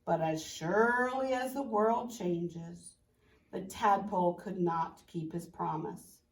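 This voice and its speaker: A woman teacher reading a picture book aloud to children, expressive and explaining the pictures as she goes. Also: fairly low pitch, slow. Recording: roomy, from a distance.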